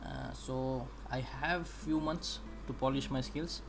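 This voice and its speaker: A young man with an Indian English accent, an animation student thinking aloud while he works. He talks haltingly, with many pauses as he explains. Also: mid-range voice, vocal fry, music in the background. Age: young adult. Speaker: animation student streaming practice. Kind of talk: casual think-aloud livestream. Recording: steady background noise.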